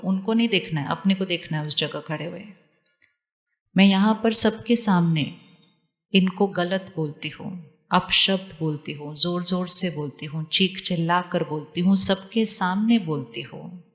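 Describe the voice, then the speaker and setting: A woman giving a spiritual talk to a live audience, calmly repeating questions to her listeners. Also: lowish voice, long reverb tail. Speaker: spiritual teacher.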